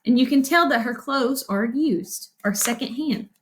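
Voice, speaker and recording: A woman teacher reads a picture book to kids in a slightly high voice at a measured pace, with a faint hiss or hum present. She instructs as she reads, asking questions and answering them herself.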